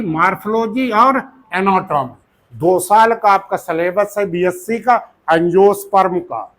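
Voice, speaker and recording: Casting: high-voiced Indian male biology teacher, North Indian Hindi accent, preachy classroom lecture full of rhetorical questions.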